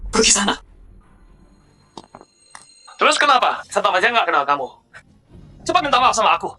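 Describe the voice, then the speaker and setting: A man's voice: high voice, sing-song, moderate pace, sharp tone, soft background music, heavily acted. A man dubbing a sneering, boastful rich young heir who runs a company, in a drama. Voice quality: sneering, mocking. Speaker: company CEO. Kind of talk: dubbed drama dialogue.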